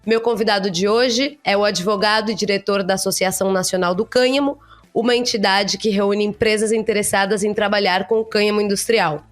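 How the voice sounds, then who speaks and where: A woman's voice: mid-range voice, steady tone, brisk. A woman hosting a podcast interview, greeting the audience with enthusiasm and asking eager questions. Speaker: podcast host.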